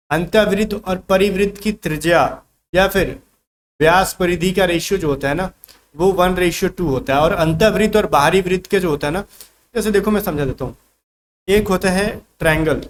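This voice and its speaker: A man's voice: high-pitched, a little hiss or hum. Man teaching math step by step. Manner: casual Hindi-English mix, talks through working step by step. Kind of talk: online exam-prep math class.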